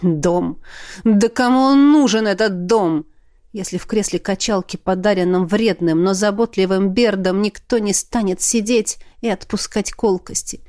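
A woman reading a novel aloud in a measured, expressive narration. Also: medium pitch. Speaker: audiobook reader. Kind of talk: scripted narration.

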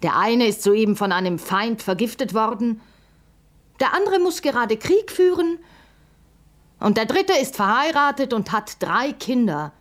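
A woman voicing the princess's thoughtful female friend, speaking slowly and musingly. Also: fairly high pitch, big pitch swings, pitched above the performer's own voice.

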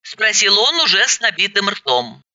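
A woman's voice: medium pitch, very animated, normal speed, pushed and bright, dry recording, dull audio. A woman narrating a first-person story aloud, expressively acting out the dialogue.

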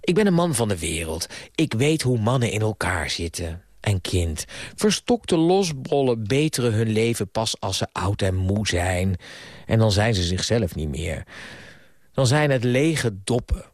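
A man's voice: fairly low pitch, big pitch swings, unhurried, dry recording, studio quality. A man playing a pompous, worldly grey-haired uncle in a radio play reading, lecturing in a stern tone.

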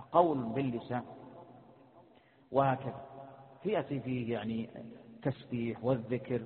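Man quizzing students, tinny hall recording. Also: medium pitch. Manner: quizzes students, repeats questions, mixes colloquial and formal. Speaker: sheikh teaching a creed class. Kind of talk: classroom lesson with questions to students. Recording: tinny phone-like lecture recording in a reverberant hall.

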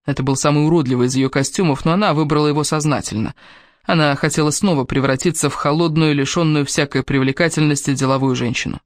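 Male audiobook narrator, fairly high voice, steady, even delivery, dry close recording. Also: no echo. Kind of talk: scripted narration of a romance novel.

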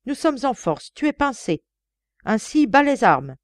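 A woman's voice: lowish voice, expressive, normal speed, no room sound, clean studio sound, lightly acted. A woman reading an audiobook, voicing a bold, commanding male police inspector who barks his orders. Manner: loud, barking orders.

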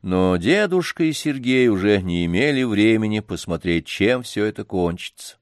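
A man narrating an audiobook in a measured, even manner. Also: on the low side, clean tone, no room sound, clean studio sound.

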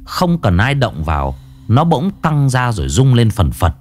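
A man's voice: medium pitch, huge pitch swings, measured pace, a little mellow, soft background music. A man narrating a ghost story in a dramatic, ominous storytelling manner. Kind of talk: scripted horror story narration.

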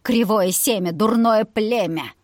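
An angry older mother speaks coldly and threateningly, her tongue sharp, as a woman narrator puts her on. The storybook reading sounds dry and close. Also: medium pitch, measured pace, no echo, lightly acted. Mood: scornful. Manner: cold, threatening.

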